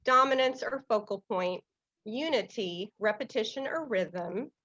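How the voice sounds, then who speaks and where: A woman's voice: fairly high pitch, animated, a little slow, sharp tone. Stuffy-nosed woman giving a gardening talk. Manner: casual, many fillers. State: nasal from a summer cold. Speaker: master gardener presenter. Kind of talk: online presentation lecture. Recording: slightly dull, lo-fi audio.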